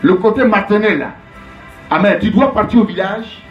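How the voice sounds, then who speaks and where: A man's voice: high voice, moderate pace, dull audio, soft background music. A man preaching as a prophet, emphatic and repetitive, calling out names and Alléluia in call-and-response.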